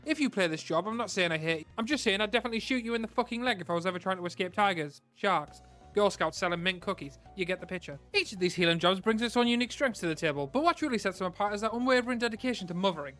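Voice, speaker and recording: Brief: high-voiced, quick male narrator, crude sarcastic comic delivery, faint music under the voice-over. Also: fairly bright tone. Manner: crude, sarcastic, rapid-fire jokes. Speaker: gaming video host. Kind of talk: scripted comedic voice-over.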